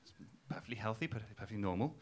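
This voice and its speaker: A young English comedian with a Geordie accent, from Newcastle, races through a live stand-up set as the audience laughs. His voice is lowish with lively intonation, and he comes across as casual, self-mocking and unsure, saying um constantly.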